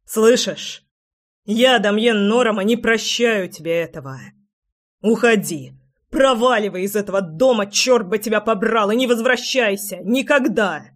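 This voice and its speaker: A woman voicing a proud, furious male clan leader who shouts and sneers bitterly. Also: mid-range voice, natural voice.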